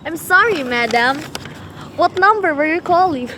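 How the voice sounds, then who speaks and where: A woman's voice: very high-pitched, expressive, normal speed, bright, forceful tone, heavily acted. A woman acting a polite, singsong, by-the-book telephone operator in a student radio play. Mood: polite, unruffled. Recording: noisy amateur recording.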